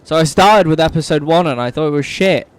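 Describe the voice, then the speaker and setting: A man's voice: fairly high pitch, a little fast, clear, resonant tone. Young male co-host; dry, chatty anecdotes over gameplay. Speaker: gaming podcast co-host. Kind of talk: casual chat over gameplay.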